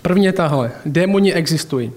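A man's voice: fairly high pitch, lively intonation, darkish tone. A man preaching a sermon in a colloquial, chatty way, mixing in personal anecdotes and asides.

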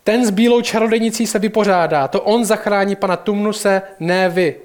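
A man's voice: high-pitched, close to an everyday voice. A man reading aloud as an earnest, proud talking male beaver from a storybook.

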